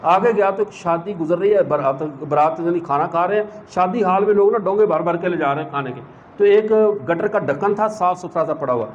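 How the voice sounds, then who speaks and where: Male religious speaker, high-pitched, animated storyteller; slightly dull recording with a faint hiss. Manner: animated storyteller who acts out the people in his anecdotes.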